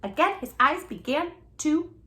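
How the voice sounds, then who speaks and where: This is a female storytime host reading a picture book to young children, full of expression and gushing directly to them. Her voice sits high with a fairly bright tone, and her expressive pace is a little slow.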